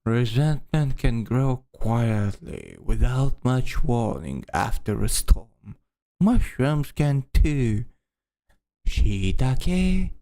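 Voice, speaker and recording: A man imitating a sleepy, woozy game character in a slow, drawn-out mocking read. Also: mid-range voice, animated, mellow, dry recording.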